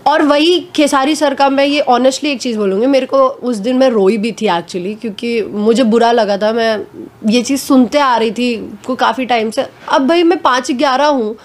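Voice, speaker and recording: Hoarse, chatty actress with a cold. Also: female voice, a little high, moderate pace, few pauses. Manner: frank, chatty, sprinkles in English phrases. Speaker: actress being interviewed. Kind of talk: casual interview. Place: her home.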